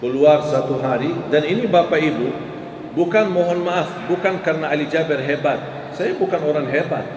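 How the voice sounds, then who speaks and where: A man giving a sermon, telling stories and raising his voice high on key words. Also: moderate pace, a little mellow, distant mic. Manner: storytelling, pitch rising sharply for emphasis. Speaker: preacher. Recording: echoey hall with faint ambient noise.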